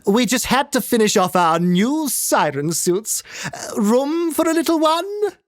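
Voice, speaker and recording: A stout society lady gushes in a breathy falsetto, swooping high and low, as a man puts her on. She is a storybook character, airy and effusive. The voice sounds unlike the reader's own tone. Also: big pitch swings, unhurried, no room sound, studio quality, full character voice. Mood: gushing. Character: gushing stout middle-aged society lady. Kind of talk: audiobook character voice.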